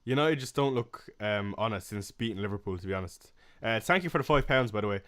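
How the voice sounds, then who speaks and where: Fast and lively, a young Waterford-accented Irishman chats with viewers on his casual fantasy football livestream, answering comments. His voice is fairly low, and he uses plenty of fillers and soft laughs.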